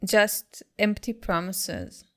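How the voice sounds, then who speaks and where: A woman's voice: mid-range voice, steady tone, takes it slowly, a bit bright, a little hiss or hum. A woman hosting a reaction video, making casual exclamations and musing asides as she watches.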